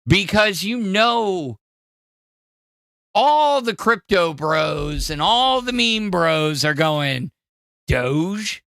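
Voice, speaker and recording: A man hosting a podcast in casual, profane commentary, animated and jumping between loud outbursts and mumbles. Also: high voice, extremely slow, creaky, no echo. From Wisconsin. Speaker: podcast host. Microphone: studio mic in front of green screen.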